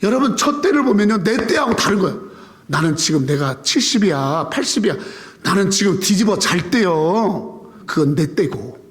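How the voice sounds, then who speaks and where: A man in his fifties with a Korean accent, a pastor giving a Sunday sermon, animated and dramatic, at times dropping to a hushed plea. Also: sits high, moderate pace. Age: 50s. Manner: animated preaching, acting out quoted prayers, dropping to soft hushed pleas. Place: church sanctuary.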